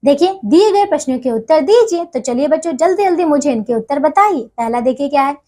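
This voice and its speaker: A woman's voice: high voice, lively intonation, quick pace, warm tone. A woman teaching a grammar lesson to young children, talking patiently and checking in with them again and again. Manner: patient, repeats checks with listeners often.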